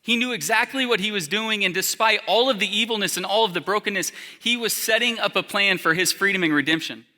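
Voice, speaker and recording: A young man preaching to his church in a relaxed, storytelling way, leaning on filler words. His voice sits high and sounds very bright. The sound carries a long reverb from the church hall. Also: fast talker, hardly any pauses. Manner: casual storytelling, many fillers. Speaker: college pastor. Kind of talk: sermon. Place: church auditorium.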